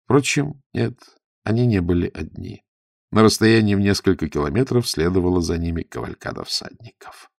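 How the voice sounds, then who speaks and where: A man narrating an adventure audiobook with vivid, expressive storytelling. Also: low voice, normal speed, gravelly, dry recording, studio quality.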